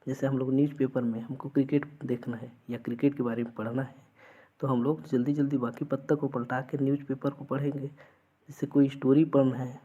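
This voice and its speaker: Male exam-prep teacher, warm tone, lo-fi recording. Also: medium pitch, level tone, brisk. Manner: explains with everyday examples, keeps checking understanding.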